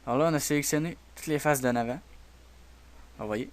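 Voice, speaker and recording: Soft-spoken Québécois man teaching software. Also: medium pitch, fast. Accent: Québécois French. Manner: soft-spoken, hesitant with many fillers. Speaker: tutorial host. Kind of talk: screen-recorded software tutorial.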